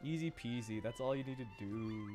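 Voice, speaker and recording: Against a backdrop of game music, a VTuber host livestreams a game and chats casually, giggling and quick to be amused as he reacts to play and chat. His voice sits in the mid-range with a darkish tone, moving at a moderate pace.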